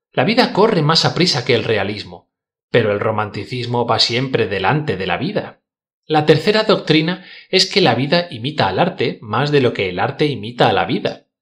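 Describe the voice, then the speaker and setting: A man reading a literary dialogue aloud in a measured, declamatory way with formal diction. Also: medium pitch, a bit bright. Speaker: audiobook narrator.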